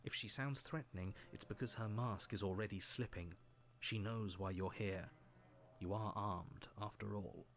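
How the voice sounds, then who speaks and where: A man playing a grave, ominous storybook narrator in a video game, speaking in deliberate literary phrases. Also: on the low side, fairly even intonation, close to an everyday voice. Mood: wary.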